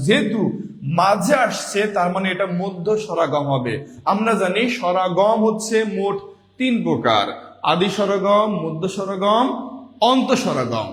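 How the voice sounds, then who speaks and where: Male tutor with a Bangladeshi Bengali accent and a high voice, quizzing his class in a reverberant room. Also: a bit bright. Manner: drills students with repeated questions and answers. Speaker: teacher. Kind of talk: online exam-prep grammar lesson. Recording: echoey room with long reverb.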